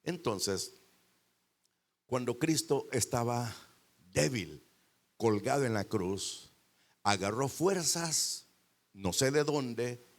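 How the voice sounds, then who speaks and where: A male pastor preaching a sermon into a handheld microphone in a church, rising to loud bursts and dropping into quiet pauses. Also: mid-range voice, lively intonation. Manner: preaching with sudden loud swells and dramatic pauses.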